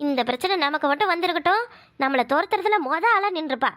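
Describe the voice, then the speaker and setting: A woman voicing a sharp-tongued older village mother in a cartoon, taunting and sarcastic. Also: very high voice, lively intonation, quick pace, no echo. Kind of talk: cartoon voice acting.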